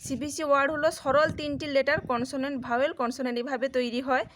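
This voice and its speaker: A woman with a high, light voice gives a phonics lesson for children. She explains patiently and sounds out letters one at a time before blending them. Faint noise hums under the recording. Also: fairly even intonation, quick pace, fairly bright tone. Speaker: teacher.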